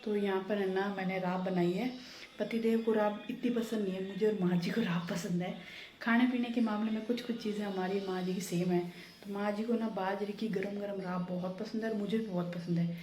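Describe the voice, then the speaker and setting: A woman's voice: mid-range voice, fairly even intonation, brisk, darkish tone. A woman chatting casually through her home vlog, narrating her chores as she works in her kitchen and living room. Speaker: home vlogger. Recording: echoey room with faint background hum.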